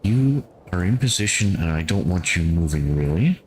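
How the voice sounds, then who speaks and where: A man giving calm gameplay commentary, thinking aloud and talking to his squad as he plays. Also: low voice, normal speed, slight background noise. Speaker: gameplay streamer.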